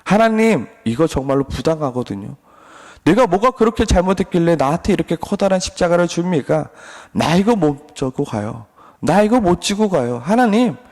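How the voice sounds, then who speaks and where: A man's voice: sits high, animated, moderate pace, vocal fry, darkish tone. A man voicing a suffering man who pleads and complains to God, raised and plaintive. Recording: long reverb.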